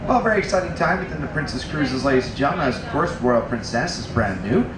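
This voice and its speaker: Fast-talking male cruise director announcing. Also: medium pitch, animated. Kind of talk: welcome announcement over ship's speakers. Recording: echoey announcement under loud noise.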